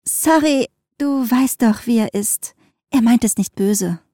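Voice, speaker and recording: A woman's voice: on the high side, slow, mellow, dry recording, studio quality. Wry nineteen-year-old girl, read by a woman. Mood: apologetic.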